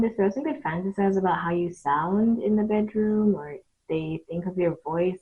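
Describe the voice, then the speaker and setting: Slow, husky woman giving mystical tarot readings. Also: lowish voice, narrow, tinny audio. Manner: halting, pausing between short phrases. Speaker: tarot card reader hosting readings. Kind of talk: mystical tarot reading, improvised, addressed to the viewer.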